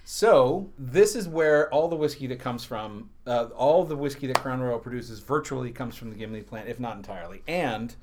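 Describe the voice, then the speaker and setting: A man's voice: mid-range voice, normal speed, few pauses, slight background noise. A man co-hosting a casual chat, telling rambling anecdotes with dry asides. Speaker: co-host. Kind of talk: casual chat about whiskey.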